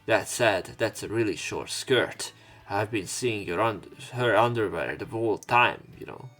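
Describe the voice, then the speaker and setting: Reading a visual novel aloud with casual commentary, this let's play host speaks a little slowly in a lowish, slightly bright voice. He often stumbles over words and fixes them, while game music plays in the background.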